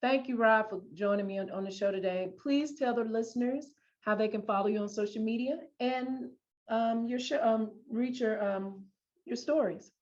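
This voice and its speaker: A woman's voice: a little high, moderate pace, darkish tone. A woman, chatting casually and teasingly as a show host. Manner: teasing, familiar. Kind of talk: casual chat. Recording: muffled lo-fi sound.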